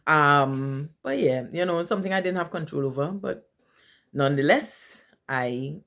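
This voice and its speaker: A woman's voice: low voice, unhurried, creaky. A woman in her forties with a Tobago accent, chatting casually to camera and often asking "right?". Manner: chatty, asks "right?" often, animated asides. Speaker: vlogger. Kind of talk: casual chat.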